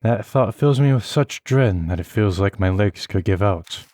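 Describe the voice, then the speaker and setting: A man reading a horror visual novel aloud in steady first-person narration. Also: lowish voice, moderate pace. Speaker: let's play host. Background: faint game music.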